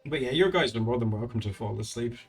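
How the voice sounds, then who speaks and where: During a live art stream, a man with a mid-range, slightly breathy voice chats casually with his viewers at a quick pace, soft music playing behind him. He's chatty and giggly, laughing often and restarting his sentences as he draws.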